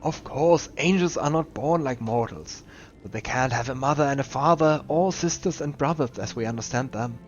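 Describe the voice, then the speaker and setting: A man's voice: medium pitch, moderate pace, a little hiss or hum, natural voice. A man reading as a rambling old custodian. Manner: rambling, wandering questions. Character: old, confused male museum custodian, rambling. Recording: slightly dull lo-fi recording. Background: faint game music.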